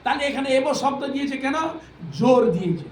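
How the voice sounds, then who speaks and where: A man's voice: extremely high pitch, fast, a little mellow. A man giving a devotional sermon, asking rhetorical questions, repeating phrases for emphasis and breaking into sung verses. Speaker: preacher. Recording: echoey hall, mic at a distance, faint noise.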